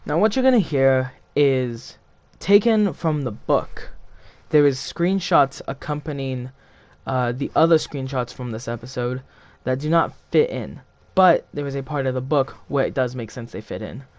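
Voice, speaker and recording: A man narrating a children's storybook at an everyday middle pitch, plain and casual between the reading. The recording is dry and close with no room sound. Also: animated, moderate pace, a little mellow, dry recording.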